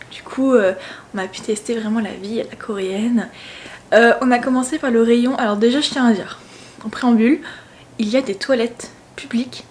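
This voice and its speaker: Chatty young woman, fairly high voice. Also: a little hiss or hum. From France. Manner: chatty, animated storytelling, playful asides. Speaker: travel vlogger. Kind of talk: casual vlog chat.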